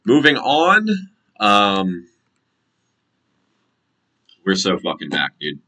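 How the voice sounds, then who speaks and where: Male, American accent, deep pitch, sharp punchy tone, casual fight commentary, blunt, slangy, sweary. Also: wildly swooping pitch, drawn-out words. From United States. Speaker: MMA commentator and predictor. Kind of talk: casual fight recap and prediction vlog.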